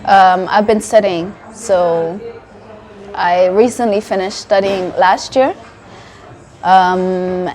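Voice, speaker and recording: A woman in her twenties from Sierra Leone, raised in Denmark, answering interview questions in a thoughtful, steady way with frequent ums, recorded in a cafe. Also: on the low side. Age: 20s. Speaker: interview guest, wellness coach. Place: indoor cafe.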